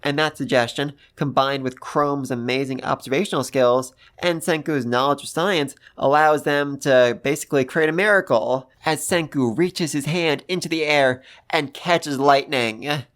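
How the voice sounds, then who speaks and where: A man's voice: a little high, normal speed, few pauses, fairly bright tone. A man reviewing an anime episode in casual talk, enthusiastic and gushing, with casual swearing and lots of fillers.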